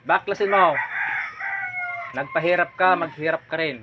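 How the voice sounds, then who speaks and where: A man's voice: on the high side, normal speed. Commanding male folk healer, noisy yard. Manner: commanding, insistent, repeatedly prodding with "ha?". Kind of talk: interrogating a spirit during a healing ritual.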